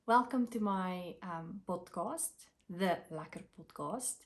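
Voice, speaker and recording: Talking informally to the camera about what she's been crafting, this South African woman, whose mother tongue is Afrikaans, fills her speech with pauses and filler words. She's a craft vlogger with a fairly low pitch.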